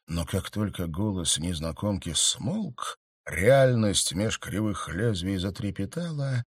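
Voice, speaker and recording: A man narrating a fantasy audiobook in a steady, even storytelling manner. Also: on the low side, dry recording, clean studio sound.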